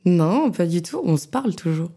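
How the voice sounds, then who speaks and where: A woman's voice: fairly low pitch, expressive, moderate pace, warm tone, husky. A woman co-hosting a podcast, blunt and chatty, often laughing as she talks. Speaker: podcast co-host. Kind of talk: casual banter.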